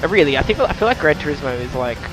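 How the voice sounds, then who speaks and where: Over loud racing game music and car sounds, a streamer from New South Wales, Australia, talks quickly in a voice on the high side with big swings in pitch. His chat is casual and blokey, sprinkled with slang and mild swearing.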